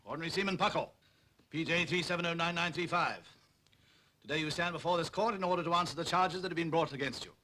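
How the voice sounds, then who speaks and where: An actor playing a stern, formal naval officer presiding over a court. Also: male voice, a little high, fast, bright, forceful tone, slight background noise. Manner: formal, stern, easily flustered. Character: pompous senior male naval officer.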